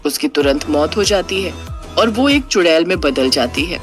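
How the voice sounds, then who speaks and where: A woman narrating a scripted cartoon story in a lively storytelling manner. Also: low voice, normal speed, faint music behind.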